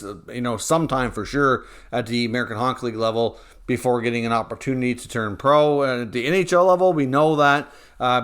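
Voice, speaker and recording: A man hosting a hockey news channel, giving a casual rundown of league news with chatty, rambling asides. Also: a little high.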